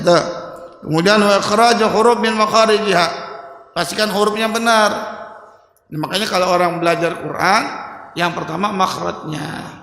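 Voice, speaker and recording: A man with a Betawi Indonesian accent teaching a mosque study circle, mixing relaxed explanation with slow chanted Quranic verses and joking asides. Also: high voice, gravelly. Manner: joking asides with soft laughs. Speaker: Islamic religious teacher. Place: mosque hall. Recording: echoey hall reverb.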